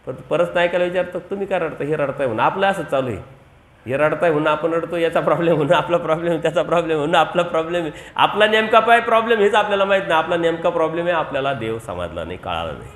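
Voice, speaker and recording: A man's voice: a little high, fast, a bit bright. A male Marathi preacher giving a devotional sermon, asking the audience rhetorical questions and repeating key phrases for emphasis. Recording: echoey room.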